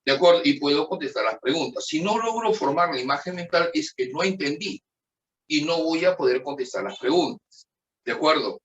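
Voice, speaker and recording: A man's voice: a little high, highs cut off. A man with a Chilean accent teaching an online class, explaining patiently and checking in with frequent questions. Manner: drills answers in slow, even call-and-response. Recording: roomy, distant from the mic.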